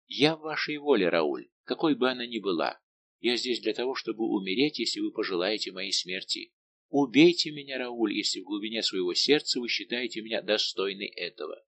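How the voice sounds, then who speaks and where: A man's voice: on the low side, lively intonation, fairly quick, vocal fry, fairly bright tone, slight background noise. A man voicing a tearful young French noblewoman who pleads with emotion in an audiobook. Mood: pleading. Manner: emotional, imploring. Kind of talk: audiobook dialogue reading.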